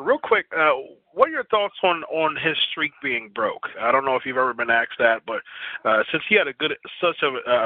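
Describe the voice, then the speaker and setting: A man asking casual, halting questions as a podcast interviewer. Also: medium pitch, dry recording, narrow, tinny audio.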